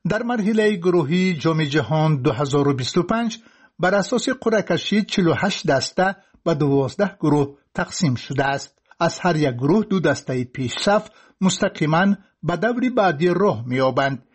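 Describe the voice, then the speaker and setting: A man reading scripted sports news in a formal, measured way. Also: fairly high pitch, expressive, slightly rough. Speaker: newsreader.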